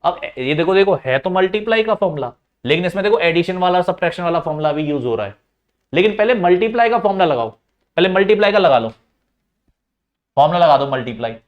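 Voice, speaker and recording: A man's voice: high voice, lively intonation, fast talker, lo-fi sound. A male teacher working through a maths lesson step by step, coaxing and repeating the key points straight to his students.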